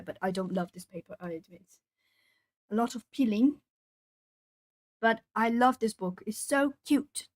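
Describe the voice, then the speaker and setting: Colouring as she streams, this art streamer chats with her audience, reads their comments out, and pauses now and then to collect her thoughts. She speaks with a southern Brazilian Portuguese accent in a slightly mellow, middle-pitched voice. The audio is close and dry, without any echo.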